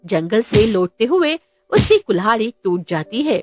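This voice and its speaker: A woman's voice: on the high side, very animated, unhurried, a little mellow, no room sound, soft background music. A woman narrating a cartoon moral story in a dramatic storytelling manner.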